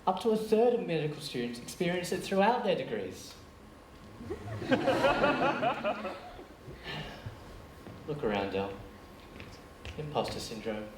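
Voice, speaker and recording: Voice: medium pitch, lively intonation, fairly quick, close to an everyday voice. An actor playing a reassuring medical student friend in a stage comedy, with an exaggerated delivery. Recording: distant echoey stage, faint noise.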